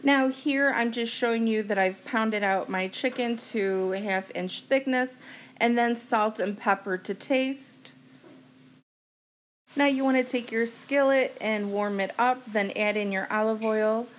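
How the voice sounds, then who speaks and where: A cooking vlogger chats warmly in her home kitchen, walking through each step plainly with fillers in casual cook-along narration. Her voice is fairly high and a little slow, with a faint hiss or hum.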